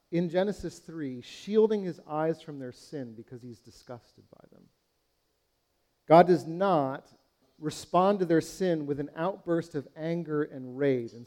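A man's voice: on the high side, measured pace, darkish tone. A man preaching a sermon, earnest and searching, asking his congregation questions and addressing them as friends. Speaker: pastor.

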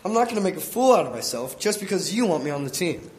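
A man's voice: high voice, big pitch swings, quick pace, a little mellow, poor audio. A man playing a cheeky, teasing teenage grandson in an amateur church skit. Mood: sulky. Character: cheeky teenage grandson who teases his sister.

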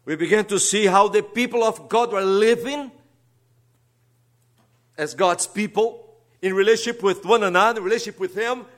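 This Brazilian man, a seminary teacher preaching as a guest, speaks with a Brazilian Portuguese accent. His earnest sermon ranges from soft asides to emphatic rises in a high-pitched voice at normal speed, and he pauses often.

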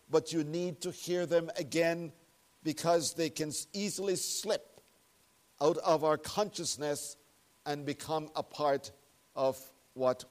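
Preacher guy at the pulpit mic in church, kinda high voice, takes his time, earnest and solemn. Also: darkish tone. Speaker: pastor. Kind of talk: prayer and sermon. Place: church sanctuary. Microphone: pulpit microphone.

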